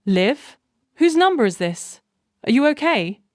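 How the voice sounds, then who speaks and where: A woman's voice: high-pitched, very animated, measured pace, no echo, clean studio sound, pitched above the performer's own voice. A woman reading the lines of an angry, protective brother in a storytelling narration. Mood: urgent.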